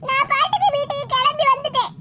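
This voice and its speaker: Woman doing a squeaky whiny young daughter, cartoon, heavy hiss. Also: fast talker. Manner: whining, complaining. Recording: loud background hiss.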